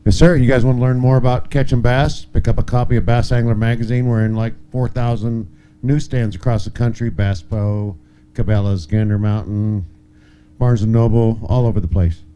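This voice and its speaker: A man's voice: mid-range voice, steady tone, normal speed, mellow, smooth. A man, a tournament angler, chatting casually in an interview at a live weigh-in by a lake. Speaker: tournament angler and magazine owner. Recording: noisy live event sound with hum.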